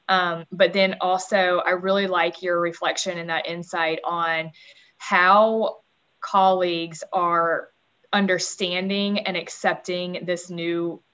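A woman's voice: fairly low pitch, dull audio. A woman hosting a parenting podcast, affirming her guest with lots of fillers. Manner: warm, affirming interviewer with many fillers. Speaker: podcast host. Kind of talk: casual interview talk.

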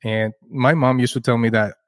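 A Chilean entrepreneur, Spanish being his first language, talks at normal speed in a mid-range, fairly evenly intoned voice. Appearing on a podcast, he narrates his story casually, sincere yet rambling, often restarting words, in a studio-quality recording free of room sound.

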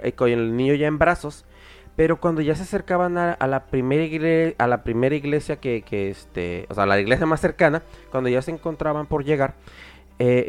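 A man with a Mexican accent hosting a podcast, telling a story in a casual, halting way with many filler words and restarts. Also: a little high, smooth. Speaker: podcast host.

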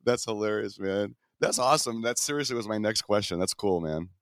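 A man hosting a casual interview, enthusiastic and quick to react. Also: fairly low pitch, a bit bright, no echo, studio quality. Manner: enthusiastic, quick to laugh, chatty. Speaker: podcast host.

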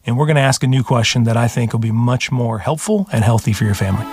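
A man's voice: mid-range voice, quick pace, loud music behind the voice. A man co-hosting a casual parenting podcast, explaining things in an earnest, meandering way while recording inside a small clothes closet at home.

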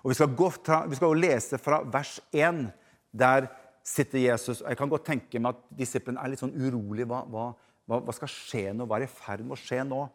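A man preaching a sermon who addresses the congregation directly, swinging between loud emphasis and hushed passages. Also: mid-range voice, steady tone.

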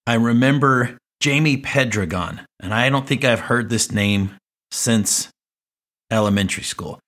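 A man's voice: mid-range voice, measured pace, fairly bright tone. A man in his late forties telling childhood stories as a podcast host, reflective and rambling with asides. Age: 40s. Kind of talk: personal storytelling monologue.

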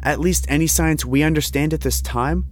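A man's voice: a little high, normal speed, natural voice. A man playing an earnest, haunted visionary in an audio drama, speaking with solemn intensity and formal diction. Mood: convinced, insistent. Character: earnest, haunted young male visionary, convinced of destiny.

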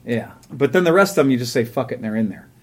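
A man's voice: medium pitch, animated, very fast. A man co-hosting a casual podcast, telling a profane travel story and laughing often. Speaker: podcast co-host. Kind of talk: casual chat.

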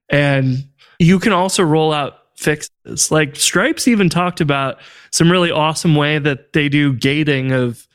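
Male podcast co-host, slightly high, smooth voice, casual and animated. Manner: animated, exasperated storytelling. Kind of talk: casual tech chat.

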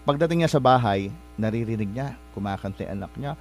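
A man hosting a show, telling a motivational story in a polite, rambling way, often pausing to search for words and correct himself. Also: lowish voice, expressive, slight background noise. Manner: polite, addresses listeners with respectful particles. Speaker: host.

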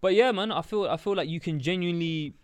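A young adult man hosts a casual podcast chat, talking fast in a London roadman accent full of urban street slang. His voice sits high, and the recording is dry.

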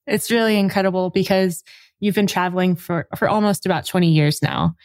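A woman co-hosting a podcast, reading the intro and asking friendly questions in a measured way. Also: lowish voice, darkish tone, dry recording. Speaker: podcast co-host.

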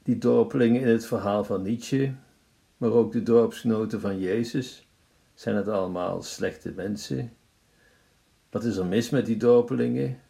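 A man preaching a sermon. He tells a story in a measured way and addresses his listeners formally. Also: on the low side, steady tone, creaky, dark tone.

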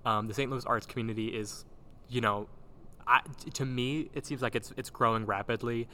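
A man's voice: medium pitch, steady tone, normal speed, bright, forceful tone. A man hosting a casual chat, talking with many ums and restarts, recorded in a big echoey old gym with no soundproofing. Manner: rambling, full of ums and restarts. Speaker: podcast host, theater director. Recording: roomy hall echo, faint background hum.

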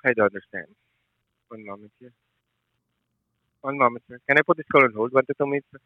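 A man at medium pitch talks fast in a dry recording, working as a customer service agent on a call. The line sounds thin and narrow, and his manner is polite and deferential, with frequent use of sir.

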